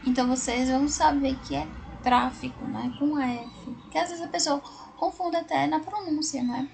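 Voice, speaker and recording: A woman's voice: high voice, moderate pace, gravelly, a little mellow. A Brazilian woman teaching a recorded class, explaining word by word and often checking in with tag questions. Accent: Brazilian Portuguese.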